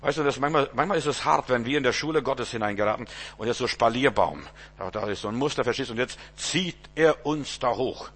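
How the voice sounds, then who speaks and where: A man in his fifties delivers an informal sermon as a pastor. He talks conversationally, throws in rhetorical asides to his listeners, and often repeats words as he goes. His voice sits at an ordinary male pitch. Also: a little fast, a bit bright, breathy edge.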